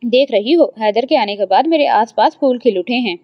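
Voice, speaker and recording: A cheerful, proud young sister-in-law, as a woman narrator voices her, teasing and playful. The tone sits slightly high, recorded dry and a bit dull. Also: lively intonation, no room sound.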